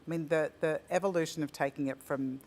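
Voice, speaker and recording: Speaking quickly in a deep, steady, darkish voice, the Australian founder of a ceramics company talks eagerly in a relaxed interview, with frequent restarts. The audio comes from a virtual talk, with a little hiss or hum and faint room ambience.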